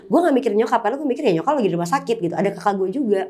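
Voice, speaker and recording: A woman's voice: medium pitch, animated, very fast, darkish tone. A woman, telling a personal story as an interview guest in a candid, emotional way, slipping in English words. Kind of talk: personal storytelling in casual chat.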